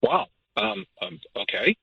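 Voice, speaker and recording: A man's voice: high-pitched, sing-song, measured pace, creaky, husky, no room sound. A man on a phone call, talking hesitantly, with stammers and nervous laughs. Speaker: caller on a radio prank segment. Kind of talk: phone conversation. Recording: dull phone-line audio.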